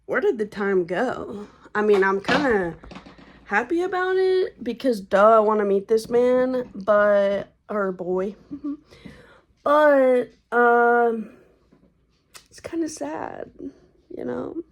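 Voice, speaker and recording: Taking it slowly, a heavily pregnant young woman chats through a casual vlog update about her pregnancy, slangy, laid-back and breathless. Her voice is a little high and expressive.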